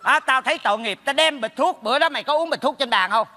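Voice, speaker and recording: A man's voice: very high-pitched, animated, bright, forceful tone, full character voice. A man playing a meddling neighbor in a stage comedy sketch, brash and teasing. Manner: brash, teasing, rapid scolding. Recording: stage hall with long reverb.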